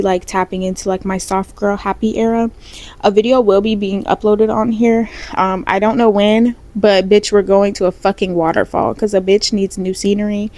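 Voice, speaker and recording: A woman's voice: medium pitch, darkish tone. A young woman talks casually to camera in a vlog, blunt, profane and full of sassy asides. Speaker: vlogger. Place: small home room.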